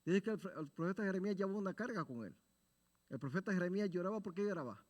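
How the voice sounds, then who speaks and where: A man leads a Bible study in the manner of a sermon, earnest and exhorting, putting rhetorical questions to his listeners and answering them himself. His voice sits fairly high for a man. The sound rings on in the long reverb of a church sanctuary. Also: animated, fast, darkish tone.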